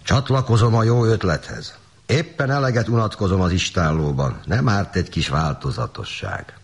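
A man's voice: fairly low pitch, lively intonation, breathy edge, voice pushed up. A man voicing a bored, cocky farmyard rooster in a storybook tale.

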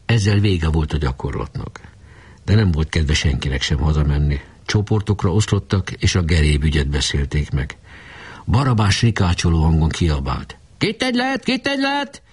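A man reading a novel aloud with expressive storytelling. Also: very deep voice, husky. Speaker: audiobook reader. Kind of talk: scripted narration.

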